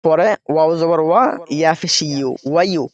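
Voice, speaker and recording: A man's voice: a little high, moderate pace, highs cut off. A man teaching Quran reading step by step, spelling out letters and vowel marks and often checking in with his listeners.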